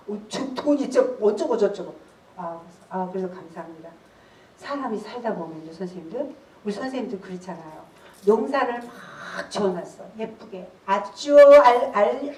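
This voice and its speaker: A woman in her sixties giving a laughter therapy lecture, animated, breaking into loud laughs and shouts as she leads the group. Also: mid-range voice. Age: 60s. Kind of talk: workshop lecture with call-and-response. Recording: roomy hall, voice from a distance.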